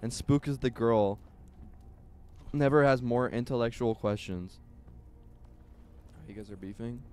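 A young man bantering over a game, teasing his partner and calling out to the chat. His voice sits in an ordinary middle pitch, easygoing and joking. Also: steady tone, unhurried, darkish tone, smooth. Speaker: streamer's co-op partner. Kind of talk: casual gaming banter.

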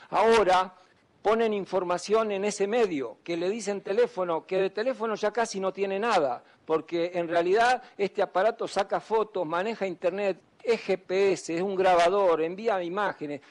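A man, a doctor giving an emphatic public talk to students and often asking them questions. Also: sits high. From Argentina. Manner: asks the audience questions, emphatic.

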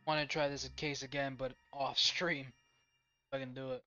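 Bright-voiced young man swearing on stream. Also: mid-range voice, level tone, moderate pace, muffled recording, faint music behind. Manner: slangy, sweary. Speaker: video game streamer. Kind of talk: casual live game commentary. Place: indoors at a gaming chair, headset on.

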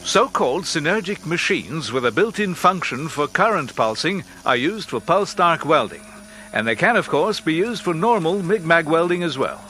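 A man narrating an industrial training film in a measured, instructive way, as a studio voice-over. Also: on the high side, expressive, bright, forceful tone. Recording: faint music behind narration.

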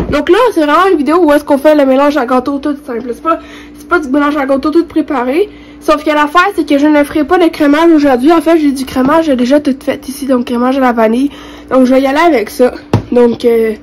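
Filming in her home kitchen, a young Quebec French-accented vlogger with a cold talks hesitantly and informally to camera through a cooking tutorial. Her high, congested voice has a darkish tone, and background noise is clearly audible.

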